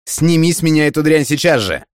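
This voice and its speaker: A drunk, hot-tempered young man in an audiobook, his voice pitched well above the reader's usual deep tone, as a male narrator puts him on. He shouts in indignant bursts, and the sound is close and dry. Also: animated, a little fast, no room sound, close to an everyday voice. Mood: angry. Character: drunk, prickly young man, quick to anger.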